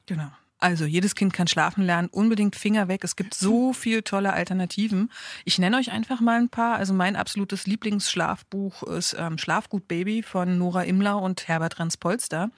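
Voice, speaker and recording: A woman's voice: on the low side, normal speed, no room sound, studio quality. A woman in her thirties co-hosting a parenting talk show, explaining earnestly and with emphasis. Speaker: parenting podcast co-host. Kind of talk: casual informative chat.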